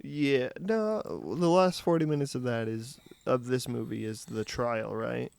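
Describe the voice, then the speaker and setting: Young male co-host, casual review chat; halting and filler-heavy, gravelly and dry. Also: mid-range voice, a little mellow, no echo. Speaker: podcast co-host.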